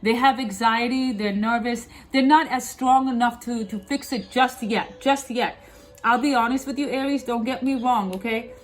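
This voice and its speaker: Her voice sits on the high side and moves at an ordinary pace as she reads tarot for the people watching. She lisps slightly because of her dental aligners, stressing and repeating points and frequently checking that listeners are following.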